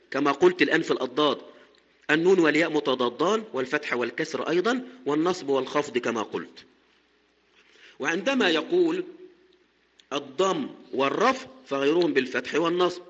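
Step by step, a man walks through a lesson on Quran recitation, going back over key terms and chanting quoted verses slowly. He sounds on the high side and a bit bright, and the muffled recording carries a big-room sound.

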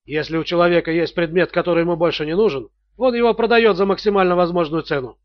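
A man voicing a male bank director with a low voice, calm, formal and detached, in a muffled audiobook recording. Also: fast, dry recording, natural voice. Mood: cold.

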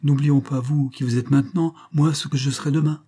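A man reading the lines of a wounded, resentful young man in love, startled and reproachful, with a husky, mellow voice. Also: medium pitch, steady tone, brisk, voice pushed up, lightly acted.

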